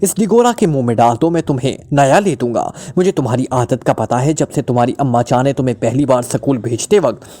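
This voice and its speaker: A man's voice: mid-range voice, fast talker, hardly any pauses, warm tone, close to an everyday voice. A man voicing a flippant, unflappable male detective who teases and mocks in a breezy way. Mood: friendly. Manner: breezy, mocking, teasing.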